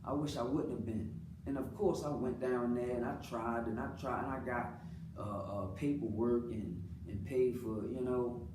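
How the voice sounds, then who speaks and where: A man's voice: mid-range voice, fairly even intonation, moderate pace. An American man speaking off the cuff in an earnest, colloquial personal monologue, repeating phrases for emphasis. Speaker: father speaking about his own life. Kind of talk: unscripted personal monologue, casual talk. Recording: roomy, distant mic, clearly noisy background.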